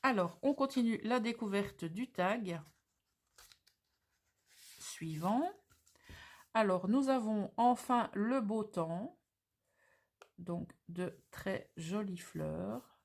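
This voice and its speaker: Belgian woman showing off crafts on her channel, slow and chatty, lots of ums. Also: mid-range voice, animated. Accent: Belgian French. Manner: slow, descriptive, with frequent fillers. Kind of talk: presenting craft mail on camera.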